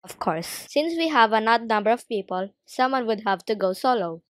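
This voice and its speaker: A woman's voice: a little high, animated, normal speed, dry recording, natural voice. A woman voicing a sensible bed contestant in a cartoon, talking in a practical, organizing way. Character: sensible bed contestant who plans ahead.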